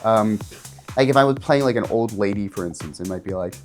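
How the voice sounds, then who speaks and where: A man, a game master, teaching tabletop players how to do voices in a casual instructional video, jumping his pitch up and down to demonstrate. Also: fairly quick, faint music behind. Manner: animated, jumps pitch up and down to demonstrate.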